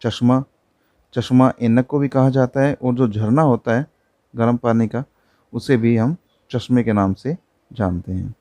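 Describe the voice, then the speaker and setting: A man's voice: medium pitch, measured pace, warm tone, dry recording. A man teaching a primary-school Hindi lesson, patiently explaining words with examples.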